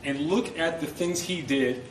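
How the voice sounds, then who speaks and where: A man's voice: a little high, measured pace. Guy prosecutor doing a passionate closing argument, insistent and repeating himself, echoey courtroom, bit of noise. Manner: passionate, insistent, emphatic with pointed repetition. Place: indoor courtroom. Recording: roomy courtroom, distant mic, faint noise.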